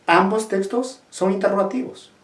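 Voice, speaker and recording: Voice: medium pitch, normal speed. A teacher giving a language lesson, asking the class questions and repeating the key points. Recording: roomy echo.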